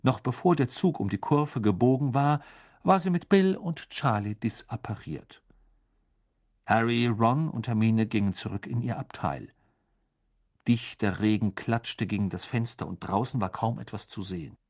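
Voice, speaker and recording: A man's voice: medium pitch, normal speed. A man reading a story aloud as narrator, voicing many characters. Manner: expressive, voices many characters. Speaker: audiobook narrator.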